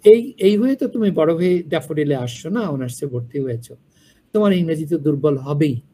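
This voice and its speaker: A man's voice: fairly high pitch, lively intonation, a little fast, dark tone, husky. Frank older man lecturing a class. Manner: frank, digressive storytelling. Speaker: university lecturer.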